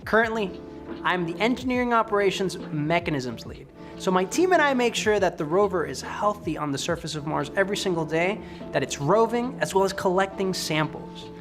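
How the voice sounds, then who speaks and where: A man from Ecuador, a test and operations engineer, giving an upbeat, brisk scripted statement. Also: high-pitched, animated, music in the background.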